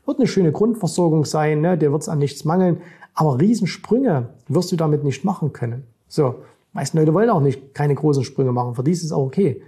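Middle-aged guy coaching money stuff on camera, raised pitch, dark mellow voice, keeps going "ne?". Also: expressive, brisk, slightly rough. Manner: direct, keeps addressing the viewer with "ne?" and "So.". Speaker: finance and stock-market coach. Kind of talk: casual monologue to camera.

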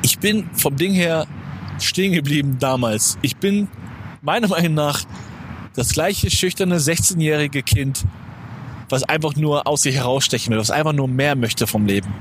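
A man's voice: a little high, moderate pace. A man in his twenties hosting a podcast, rambling casually and correcting himself in a slangy motivational monologue outdoors near a supermarket. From Germany. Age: 20s. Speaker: podcast host. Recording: clear outdoor traffic noise. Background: traffic and street noise.

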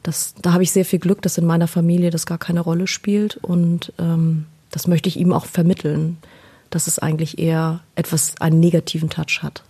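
Low, gravelly, husky woman in an interview. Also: level tone, normal speed, mellow. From Germany. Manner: earnest, with frequent hesitations and repeated words. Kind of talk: personal interview.

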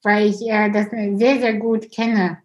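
A woman's voice: medium pitch, level tone, slow, darkish tone. A woman from Kazakhstan hosting a casual interview and asking personal questions. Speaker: host.

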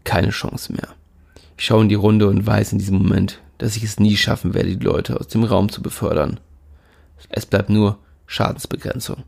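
A man's voice: lowish voice, flat delivery, moderate pace, creaky, a little mellow, breathy edge. A man reading a first-person story aloud in a dry, wry manner. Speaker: audiobook reader. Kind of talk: first-person audiobook narration.

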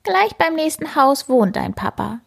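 A woman voicing a friendly, know-it-all female harbor rat in a children's story, with a brisk, reassuring manner. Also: high voice, sing-song, gravelly, pitched above the performer's own voice, full character voice.

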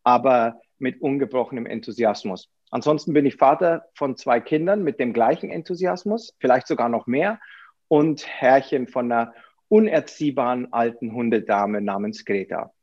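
A man's voice: mid-range voice, moderate pace, darkish tone, dull audio. A man speaking as a podcast guest, self-mocking and laughing easily in casual interview talk.

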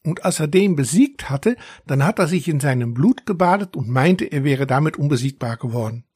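A proud young dragon, put on by a man reading a storybook, who grumbles and boasts in a raised, husky voice. He sounds indignant about everything he tells, and the recording is close and dry with no room sound. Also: fairly high pitch, expressive, moderate pace, a little mellow, no room sound. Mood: indignant boasting.

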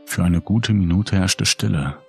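A male storyteller reads a horror tale in a dark, measured way. His voice is very deep and husky, and soft music plays faintly under it. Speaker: narrator. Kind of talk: scripted horror narration.

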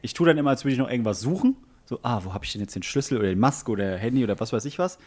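A man's voice: mid-range voice, rapid-fire. A man co-hosting a casual podcast, telling a funny anecdote and acting out his own reactions. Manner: animated storyteller, acts out his own reactions. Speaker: podcast co-host.

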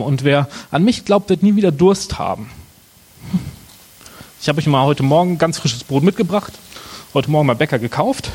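A young adult man preaching a sermon, with dramatic pauses and slow, emphatic phrasing. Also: on the high side, slightly rough. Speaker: pastor.

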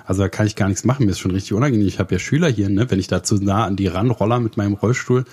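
A man's voice: fairly low pitch, very fast, a little mellow, slightly rough. A man co-hosting a casual comedy chat, grumbling and ranting in mock outrage. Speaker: podcast co-host.

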